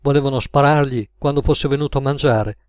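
A man voicing a calm young male counterman in an audiobook, steady and matter-of-fact. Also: mid-range voice, a little fast, dry recording, close to an everyday voice.

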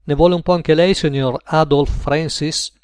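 A man voicing a gentle, overly polite camp cook who speaks softly and courteously, in a storybook reading. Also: on the high side, steady tone, normal speed, smooth, no room sound, studio quality, voice pushed up, lightly acted.

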